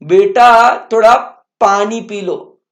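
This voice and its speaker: A man's voice: high voice, steady tone, slow pace, a bit bright. A male teacher giving a lecture, bantering playfully with his students in slang and repeating his questions to the class.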